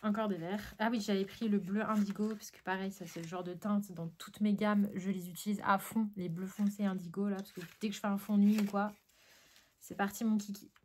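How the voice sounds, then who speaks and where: French woman vlogger, casual and excitable, a bit sniffly, faint room noise. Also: mid-range voice, a little fast. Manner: chatty, excitable, frequent fillers and sniffing. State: sniffly, ticklish nose. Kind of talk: casual unboxing chat.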